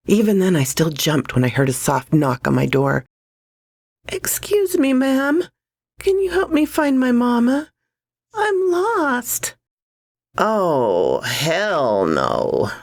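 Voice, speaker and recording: A woman's voice: low voice, darkish tone, no echo, studio quality. A woman telling a first-person horror story as scripted narration, dramatic and sarcastic.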